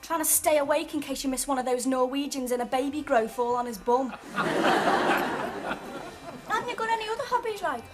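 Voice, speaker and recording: A woman's voice: high-pitched, animated, a little fast, long pauses, music in the background, crowd noise. An actress playing a cheeky, bossy young woman, in dry, teasing TV comedy drama dialogue. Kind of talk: naturalistic TV comedy drama acting.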